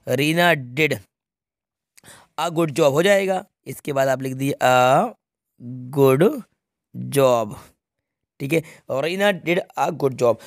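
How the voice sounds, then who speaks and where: A man's voice: on the high side, takes it slowly, creaky, dry recording, studio quality. A man teaching English grammar, walking through an exam paper step by step and often checking that students follow. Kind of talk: exam paper walkthrough lesson.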